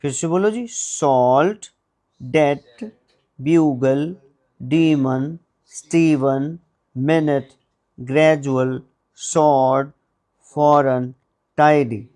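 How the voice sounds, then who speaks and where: A male English teacher, drilling pronunciation word by word. He speaks very slowly and deliberately, in a voice pitched a little high for a man. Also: darkish tone.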